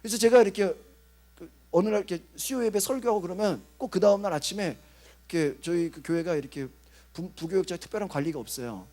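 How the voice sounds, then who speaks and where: A man, a pastor, preaching at a youth rally in a lively, conversational way, acting out inner voices and checking in with listeners. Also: sits high, quick pace. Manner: animated, acts out inner voices and asks the audience "어?".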